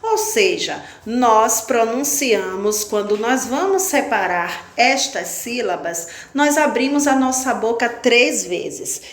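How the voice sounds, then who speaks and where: A woman with a Brazilian accent teaching a second-grade class, slowly breaking words into syllables. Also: on the high side, expressive, reverberant. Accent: Brazilian Portuguese. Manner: slow, deliberate, spells words out syllable by syllable. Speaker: primary school teacher. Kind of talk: recorded online lesson.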